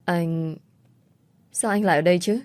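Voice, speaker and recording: A woman voicing a frightened young woman who pleads desperately, pitched above her narration, in a storybook reading. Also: normal speed, a little mellow, dry recording, studio quality, natural voice. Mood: pleading. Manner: pleading, higher than narration.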